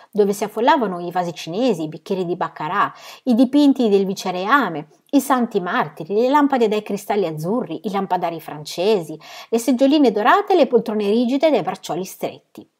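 A woman reading a novel aloud in steady, measured storytelling. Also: mid-range voice. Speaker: reader.

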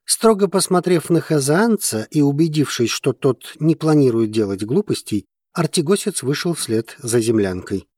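A man narrating fiction for an audiobook in a measured, steady manner. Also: fairly high pitch, no echo, studio quality.

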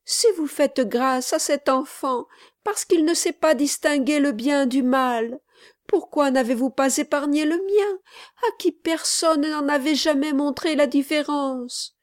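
A weeping mother in a storybook reading, her voice pushed high and shaking as she begs for her son, voiced by a woman narrator. She pleads and accuses by turns. The reading is slow and dry, close to the mic. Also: no echo. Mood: desperate pleading. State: crying. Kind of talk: audiobook character reading.

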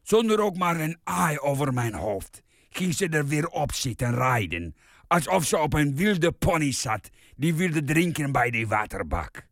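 A man doing a flu-struck grouch who drags every word out in a gravelly, creaky drone, coughing and sulking through a crude comic radio sketch. His pitch lurches widely from line to line, and the voice is close and dry. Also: very animated, a bit bright, no room sound, heavily acted. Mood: sulky. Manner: slow, sulky, crude comic monologue. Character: sick, grumpy, self-pitying man named Martin.

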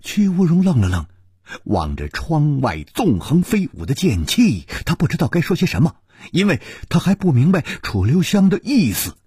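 Husky, animated male storyteller. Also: fairly high pitch, moderate pace, no echo, studio quality. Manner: dramatic, animated delivery. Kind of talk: traditional storytelling narration.

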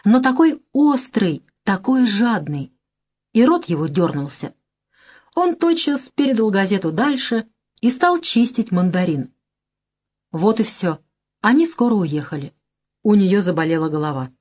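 A woman narrates a classic novel with an expressive, emotional reading. Her pitch is mid-range for a woman, with a lively, animated melody throughout. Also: measured pace, slightly rough. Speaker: audiobook narrator.

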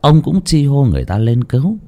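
A man narrating a ghost story with dramatic, lively storytelling. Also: medium pitch, a little fast. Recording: music under the voice.

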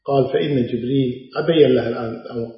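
A man's voice: mid-range voice, very fast. A middle-aged man giving a religious lecture, retelling old narrations and explaining them in everyday asides. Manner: narrates hadith then explains in colloquial Gulf Arabic asides. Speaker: Islamic scholar lecturing. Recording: very echoey dull lecture recording.

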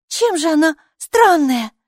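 A woman voicing an eager six-year-old girl who argues back readily, in a high, childlike voice for a storybook. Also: sing-song, measured pace, no room sound, studio quality, full character voice. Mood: anxious eager.

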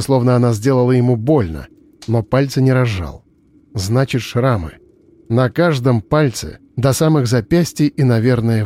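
A man reading an audiobook narration in a steady, even storytelling voice. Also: mid-range voice. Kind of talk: scripted narration.

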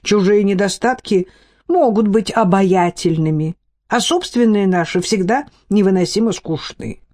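Woman doing a verbose male doctor, ornate and lecturing, warm tone. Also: medium pitch, unhurried, close to an everyday voice. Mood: soothing. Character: flowery, verbose middle-aged male doctor. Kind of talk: audiobook reading.

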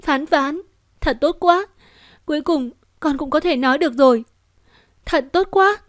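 A woman's voice: fairly high pitch, normal speed, darkish tone, no echo, clean studio sound, close to an everyday voice. A woman playing a tearful young mother. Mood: joyful. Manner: pleading, emotional.

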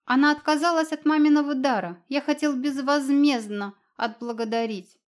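A cheeky little fox cub played by a woman in an audiobook, squeaking high and proud. He giggles at the grown-ups and boasts about himself. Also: moderate pace, close to an everyday voice.

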